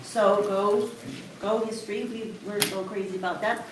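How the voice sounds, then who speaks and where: A bubbly, enthusiastic woman introducing herself at a community meeting, at a middle pitch. Her voice is distant in a very echoey room. Steady noise runs behind her. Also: moderate pace. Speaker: main street board member.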